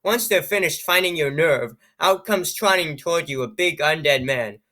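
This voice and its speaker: A channel host with a bright, fairly high voice reads an AI-written story aloud at a moderate pace. Sarcastic and amused, he stumbles over words and adds joking asides.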